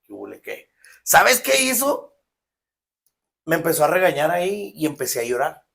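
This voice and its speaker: Mexican man, podcast co-host, emphatic and slangy storyteller, fairly high voice. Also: sing-song, moderate pace, vocal fry, a bit bright. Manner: emphatic storytelling, slangy, drops pitch for asides. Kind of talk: casual podcast conversation.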